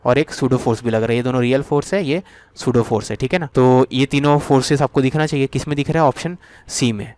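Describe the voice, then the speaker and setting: A man giving an exam revision physics lecture in Hindi, reading English question text slowly and often checking in with his students. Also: medium pitch, a little mellow, no room sound. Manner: checks in often with "theek hai na". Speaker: physics teacher.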